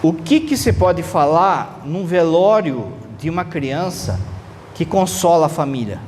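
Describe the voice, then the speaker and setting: Delivering a sermon in a church, this high-voiced male priest takes an unhurried, conversational yet animated approach, leaning on rhetorical questions. Faint noise and the echo of the church hall can be heard.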